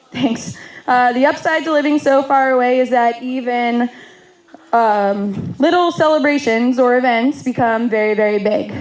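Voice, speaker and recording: A woman's voice: on the high side, a little mellow, low-quality recording. A woman in her thirties, the bride's oldest sister, giving a wedding toast with self-deprecating humor, laughing through her lines and getting emotional.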